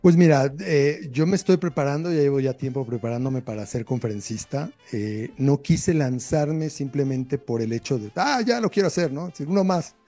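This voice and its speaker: A man's voice: medium pitch, moderate pace, hardly any pauses, warm tone, soft background music. A man with a Mexican accent, a guest author telling stories in an earnest, reflective way during an interview. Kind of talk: interview conversation.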